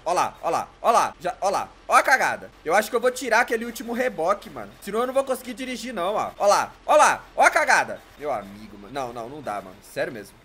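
Brief: young Brazilian man, casual gameplay commentary, bright lively voice, loud exclamations and constant slang. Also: extremely high pitch. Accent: Brazilian Portuguese. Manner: exasperated, complaining about bugs. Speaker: gamer.

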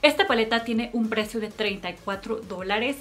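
A woman's voice: fairly high pitch, moderate pace, fairly bright tone. A woman giving a chatty makeup tutorial and product review, fond of cute diminutives. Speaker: beauty vlogger.

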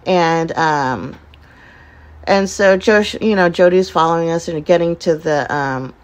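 A woman podcast host tells a casual first-person story in a chatty way, acting out remarks other people made. Her voice is lowish and her pace measured.

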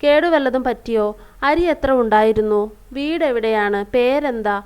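A woman's voice: on the high side, normal speed, a little mellow, smooth, close to an everyday voice. A woman voicing a group of curious market children firing questions at a girl.

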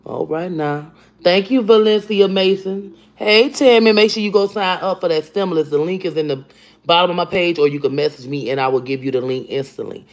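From her kitchen at home, a woman with a deep voice for a woman runs a casual phone livestream, held at arm's length, reading comments a little fast. Her manner is animated, blunt and profane, and she speaks to viewers by name.

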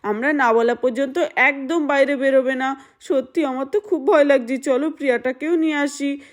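A nervous young village mother frets aloud and hushes her children in a high voice, as a woman voices her. The doll cartoon keeps her anxious and soothing throughout. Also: fairly even intonation, normal speed, close to an everyday voice. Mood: worried. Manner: fretful, soothing. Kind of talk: doll-play storytelling.

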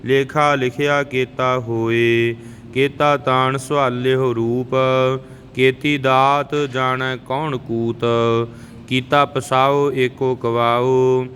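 A man teaching scripture pronunciation, reciting verses in a measured way and correcting words in quick asides. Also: flat delivery, a bit bright. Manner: slow measured recitation, brisk spoken corrections. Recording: reverberant hall, faint rumble.

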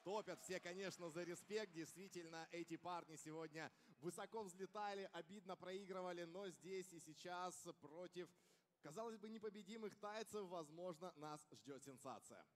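A man's voice: sits high, normal speed, slight background noise. A young man giving live esports match commentary into a headset at an arena desk. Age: young adult. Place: caster desk on stage in large indoor arena. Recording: reverberant large event hall.

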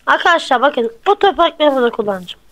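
Her commentary comes at a quick pace as this gameplay host, fairly high-voiced, narrates her building casually, counting blocks and catching her own slips. The audio is poor, with steady hiss underneath and clicks over her voice.

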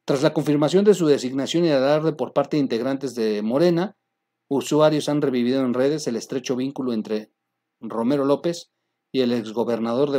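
A Mexican man hosts a political commentary show, talking to the viewer directly in an easy, conversational way. His voice sits at an ordinary middle pitch. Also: dark tone.

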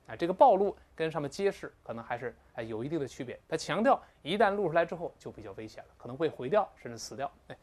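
A man teaching English vocabulary in a lecture, speaking with animated interjections and slow, drawn-out pronunciation drills. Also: a little high.

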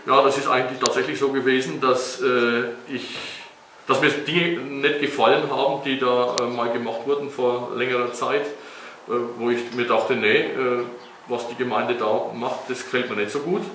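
A middle-aged man speaks as a mayor in a bright, forward voice, pausing often on filler sounds and checking in with tag questions. He is picked up from a distance in an echoey room, with faint noise underneath. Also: medium pitch, fairly even intonation. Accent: German. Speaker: mayor interviewed by schoolchildren. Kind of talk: casual interview answers.

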